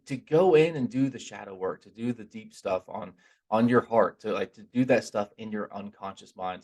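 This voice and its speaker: A man giving an informal, earnest spiritual talk in a conversational, stop-and-start way, his r sounds softened toward w. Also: fairly low pitch. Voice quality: trouble pronouncing r, softened toward w. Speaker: religious teacher giving a talk.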